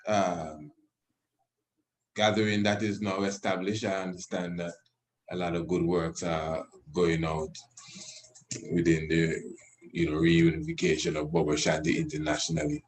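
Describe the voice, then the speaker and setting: A man's voice: deep voice, unhurried, pauses often, slight background noise, poor audio. A man hosts a casual interview. He steps in with short affirmations and conversational questions. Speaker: interview host.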